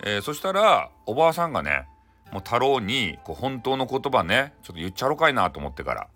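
Over background music, a man speaking with a Hakata accent tells a folktale in a humorous, casual style, chattering with plenty of tag particles. His mid-range voice is very animated and a little fast, its tone bright and forceful; he's acting as a storyteller.

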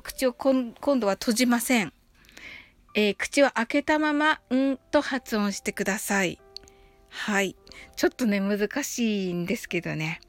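A woman, a native Japanese speaker, gives a slow and patient pronunciation lesson on English song lyrics. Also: medium pitch, fairly bright tone. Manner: slow, careful, patient explaining. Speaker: singing teacher.

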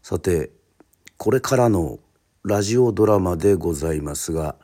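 Introducing a radio drama as host and narrator, a Yoron Island man from Japan speaks formally and deliberately like an announcer, pausing as he goes. His low voice has a dark tone and lively intonation.

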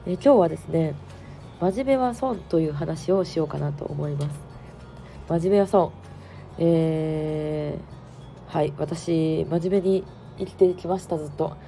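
Hoarse woman with a Kansai accent. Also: sits low, measured pace, warm tone, faint music behind. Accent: Kansai Japanese. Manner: chatty, frank, many fillers. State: hoarse, congested nose. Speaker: podcast host. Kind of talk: casual solo podcast talk.

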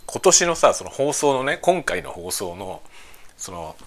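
A man's voice: medium pitch, big pitch swings, a little slow, vocal fry, a bit bright, a little hiss or hum. A man in his forties rambling casually and musing aloud as he eats bread, often seeking the listener's agreement, chewing while talking. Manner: chatting while eating bread, mouth sometimes busy chewing. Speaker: streamer.

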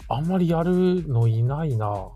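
A man joining a casual podcast chat over an online call, giving quick, offhand replies. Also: fairly high pitch, animated, warm tone, soft background music.

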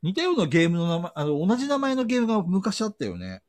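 A man in easy banter on a chat show, talking fast and with a bouncy, rising and falling voice. He teases and laughs readily, and the sound is close and dry. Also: high voice, wildly swooping pitch, a little mellow, no room sound. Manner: playful, teasing, laughs often. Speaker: co-host of a board game talk show. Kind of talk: casual chat.

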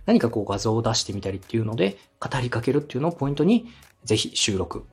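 With faint music behind him, a fast-talking man with a very animated, mid-range, slightly rough voice hosts a podcast. He's a radio director offering conversational coaching through polite, encouraging explanation.

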